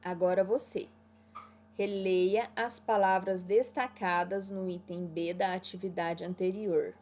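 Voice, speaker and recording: A woman's voice: fairly low pitch, fairly even intonation, measured pace, darkish tone. A woman teaching an online class to children, walking them through exercises patiently and checking in often. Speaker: primary school teacher.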